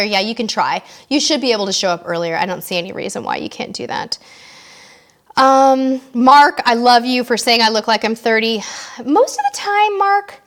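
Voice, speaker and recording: A woman in her forties hosting a live cruise Q&A, chatting casually and reading out viewer comments in a bubbly way. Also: fairly high pitch. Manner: bubbly and chatty, quick asides.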